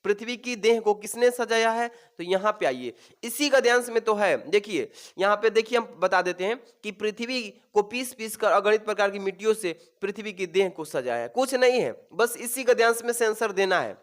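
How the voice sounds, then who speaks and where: A man's voice: high-pitched, normal speed, hardly any pauses. A man teaching an exam-prep lesson, calling his students "babu" and repeating each question to reassure them.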